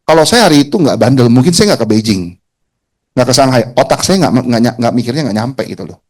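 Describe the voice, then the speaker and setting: A man's voice: medium pitch, fast. A man giving a talk to an audience, telling a personal story in casual slang and acting out the other people in it. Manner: colloquial Jakarta slang, animated, mimics voices. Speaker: motivational speaker.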